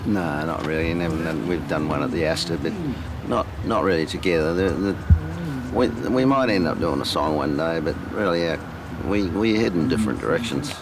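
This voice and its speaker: A man's voice: a bass voice, moderate pace. A man in his seventies from New Zealand, a singer-songwriter chatting casually and telling easygoing, self-deprecating stories about his music. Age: 70s. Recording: echoey, with music behind.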